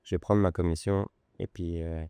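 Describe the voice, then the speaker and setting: Low flat-voiced French man in his forties. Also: clear, resonant tone, no room sound. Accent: French, from Lyon. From France. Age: 40s. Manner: unhurried, hesitant storytelling. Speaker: podcast guest, luxury goods broker. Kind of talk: conversational interview. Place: podcast studio.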